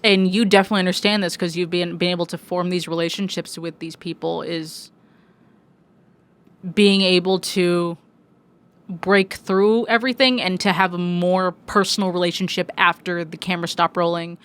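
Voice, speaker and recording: A woman's voice: fairly low pitch, fairly even intonation, normal speed, clear, resonant tone. A woman in her twenties, a music journalist guest, talking casually and animatedly with frequent restarts and swearing. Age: 20s. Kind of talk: casual podcast conversation.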